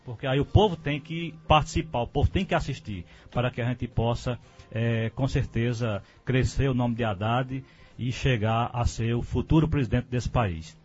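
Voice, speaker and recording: A man of middle pitch speaking firmly and steadily as a radio debate guest. The sound is dull and lo-fi, with faint music behind him. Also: moderate pace, a little mellow, slightly rough. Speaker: guest commentator.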